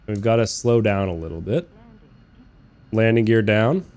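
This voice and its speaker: A young man live-streaming a flight sim, chatting casually and rambling, swearing freely, talking to his chat and bursting into loud incredulous rants. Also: on the low side, a little slow. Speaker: game streamer. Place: living in Australia.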